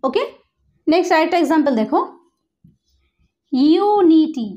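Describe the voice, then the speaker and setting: A woman with a high voice teaches an English pronunciation lesson. She spells words out letter by letter and breaks each one into its parts. She often pauses to ask whether it is clear. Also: expressive, a little mellow, lo-fi sound. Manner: explains step by step, often checks understanding.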